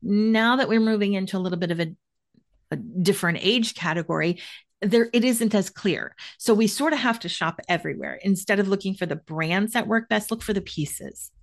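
A woman's voice: medium pitch, moderate pace. A woman in her forties, a wardrobe stylist, giving upbeat, emphatic advice in casual chat and repeating key points. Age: 40s.

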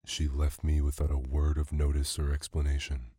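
A man voicing a polished, scheming gentleman villain who speaks in a measured, composed way. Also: extremely low pitch, little pitch movement, husky, no echo, studio quality. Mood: smooth.

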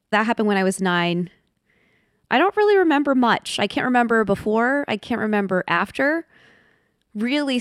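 Recorded with studio quality and no room sound, this clean, medium-pitched voice belongs to a Washington, D.C. woman in her thirties. She's a podcast guest in a reflective interview, candid and thoughtful, easing her pace when the points get heavy.

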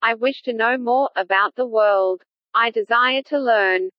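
Brief: a woman playing a polite sentient AI in a toy, higher voice, dull lo-fi speaker sound. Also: measured pace, no room sound, natural voice. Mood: calm. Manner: calm, formal and precise. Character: gentle female AI in a toy.

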